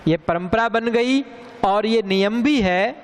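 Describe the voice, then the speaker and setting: A man teaching a Hindi grammar lesson on correct pronunciation, speaking deliberately and repeating words to stress the right sound. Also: sits high. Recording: long reverb, faint ambient noise.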